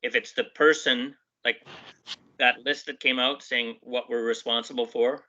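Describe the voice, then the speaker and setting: A man's voice: mid-range voice, fairly even intonation, unhurried, bright, forceful tone, dull audio. A man speaking as a councillor in a council meeting, hesitant, with many fillers and restarts.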